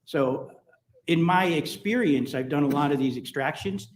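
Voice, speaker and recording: A man giving technical expert testimony in court, measured and halting with frequent ums. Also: on the high side. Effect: courtroom recording. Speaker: expert witness on phone and vehicle location data. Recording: echoey courtroom audio from a distant mic.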